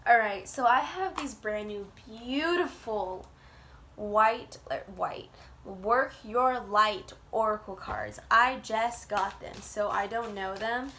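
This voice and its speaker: A woman's voice: on the high side, slow pace, pushed and bright, a little hiss or hum. A woman reading tarot in an informal, chatty way, with blunt, colloquial phrasing and frequent swearing. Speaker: tarot reader.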